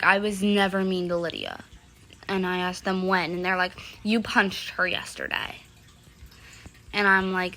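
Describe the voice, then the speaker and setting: A woman's voice: on the low side, pushed and bright. A young woman telling a casual storytime, rambling with lots of fillers and loosely quoting the others. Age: young adult.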